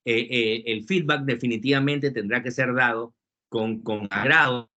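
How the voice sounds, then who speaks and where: A man giving a webinar talk on leadership, lively and joking, acting out quotes along the way. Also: medium pitch, normal speed. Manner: lively, jokey lecturing with acted quotes. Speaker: webinar speaker. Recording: muffled lo-fi webinar audio.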